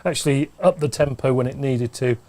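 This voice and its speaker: A man giving relaxed, chatty live commentary on a club cricket match from a pavilion room. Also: mid-range voice, brisk.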